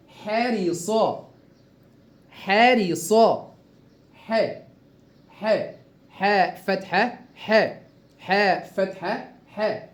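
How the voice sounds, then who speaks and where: A man's voice: high-pitched, reverberant. A man teaching beginners to read, spelling out each syllable and repeating it. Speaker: reading teacher.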